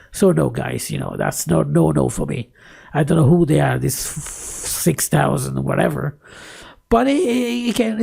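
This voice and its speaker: With a fairly high, gravelly, warm voice and a breathy edge, a tech YouTuber rambles and rants during a screen recording. English isn't his first language, he sits close to the microphone, and he uses many fillers and restarts.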